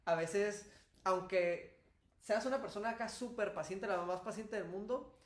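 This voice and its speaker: A woman's voice: mid-range voice, a little slow. A woman co-hosting a faith discussion, talking in a reflective, encouraging way. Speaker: youth group co-host. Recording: echoey room.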